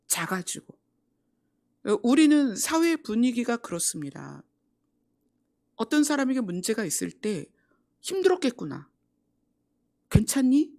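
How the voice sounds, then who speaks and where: Korean woman preaching with lively pitch. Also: vocal fry. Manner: conversational, acts out quoted lines, drops to soft asides. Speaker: pastor. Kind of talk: sermon at a Friday prayer meeting. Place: church sanctuary.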